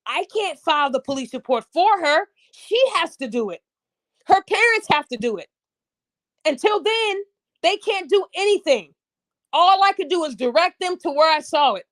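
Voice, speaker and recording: A woman with a very high voice delivers a heated, blunt podcast rant, swearing freely and hammering her points home. The sound is dry and close, with no room around her. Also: dry recording. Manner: heated, blunt, profane, emphatic. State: upset. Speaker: podcast host. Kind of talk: angry opinion rant.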